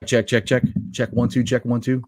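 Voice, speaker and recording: A man's voice: medium pitch, level tone, moderate pace. Man on a choppy, breaking-up call. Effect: choppy call connection breaking up, garbled like underwater. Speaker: interview host. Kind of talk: casual sports interview over a call.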